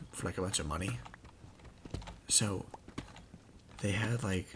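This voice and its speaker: Gravelly young man ranting over keyboard clicks. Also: lowish voice. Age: young adult. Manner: rambling, exasperated. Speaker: gaming channel host. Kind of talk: casual storytelling while playing a game. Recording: noisy, keyboard clicks behind.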